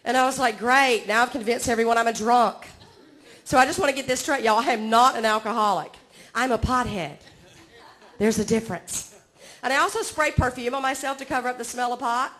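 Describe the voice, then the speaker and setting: During self-mocking stand-up at a comedy club, she chats with the crowd in a voice on the high side, fairly quick and a bit bright. She is in her forties, from Georgia, with a Southern accent.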